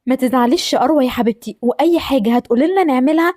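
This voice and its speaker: A woman's voice: sits high, a little mellow. A woman with an Egyptian accent voicing a loving, anxious mother in an amateur voice drama, tender and fretful. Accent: Egyptian Arabic. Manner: tender, fretful, talks fast.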